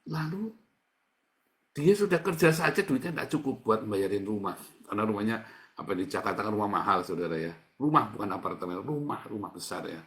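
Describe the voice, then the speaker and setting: Man, pastor, sermon, fervent, urging, lowish voice. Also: a little fast, a bit bright. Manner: fervent, urging listeners to repeat phrases. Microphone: online Zoom session.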